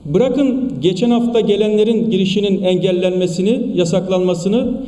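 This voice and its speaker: A male politician giving an emphatic, rhetorical speech at a podium microphone to a party meeting, with repeated phrases and pauses. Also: high-pitched, warm tone. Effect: speaking at a podium microphone in a large hall. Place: large meeting hall in parliament. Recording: echoey hall, distant mic.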